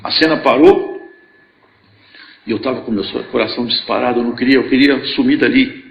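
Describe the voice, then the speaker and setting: An older man from gives a church testimony. He tells it earnestly in a gravelly voice and acts out the dialogue he remembers. The recording is echoey and a little dull, as if taken in a church hall. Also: mid-range voice, fairly even intonation, fairly quick, slight background noise. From Brazil. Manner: earnest storytelling, acting out remembered dialogue with rising emotion. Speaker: church elder giving testimony. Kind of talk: spoken religious testimony.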